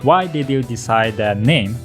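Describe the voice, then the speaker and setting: A man whose first language is Japanese, hosting an interview politely in halting English with frequent restarts. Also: medium pitch, expressive, fairly bright tone, soft background music. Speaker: podcast host.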